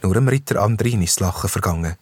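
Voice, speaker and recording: A man with a Swiss accent narrating a children's story in an animated storyteller manner. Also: lowish voice, quick pace, a little hiss or hum.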